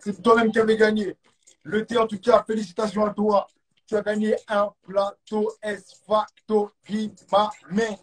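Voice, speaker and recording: With a high voice, flat delivery and an unhurried pace, a Frenchman hosts a live stream quiz show. He still sounds hyped, repeating catchphrases and adding English exclamations, picked up through a phone or webcam.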